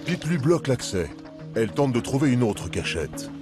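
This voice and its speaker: A man's voice: medium pitch, sing-song, normal speed. A man reading scripted narration for a nature documentary. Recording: music behind the voice.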